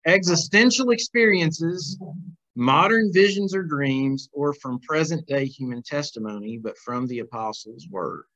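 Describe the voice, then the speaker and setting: Over a video call from a small plain room, a middle-aged man teaches a relaxed Bible class, reading aloud, commenting, and posing questions. His voice runs a little high and a little slow, with a fairly bright tone. Audio from his computer mic is dull and lo-fi.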